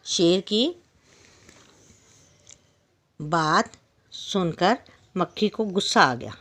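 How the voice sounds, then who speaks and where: A woman teacher with a fairly low voice, reading a story to young pupils and then retelling each line in her own words. She keeps stopping to explain words and to ask the class questions. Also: animated, extremely slow, a bit bright. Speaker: school teacher. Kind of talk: storytelling lesson for young children.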